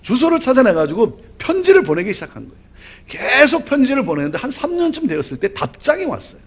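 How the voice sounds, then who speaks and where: High, lively husky man preaching. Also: fast talker. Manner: animated preaching with lively swings of pitch and loudness. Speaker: pastor. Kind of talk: sermon.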